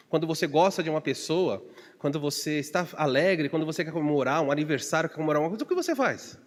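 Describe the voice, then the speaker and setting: A man preaching as a pastor leads a Bible study in a church with a slightly high voice. He tells stories with humor and wanders into digressions, and he acts out shouted calls with big pitch jumps. His voice rings with the long reverb of the hall.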